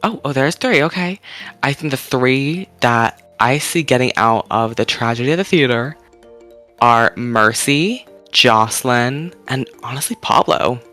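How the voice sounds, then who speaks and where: Excitable bright-voiced male guest. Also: mid-range voice, unhurried, faint music behind. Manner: excitable, gasping, goofy. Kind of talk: casual recap chat.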